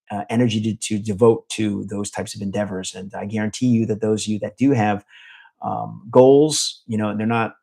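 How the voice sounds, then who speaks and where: A middle-aged American man vlogs while answering a live chat, talking casually and rambling with plenty of fillers and restarts. His voice is lowish, creaky and a little mellow.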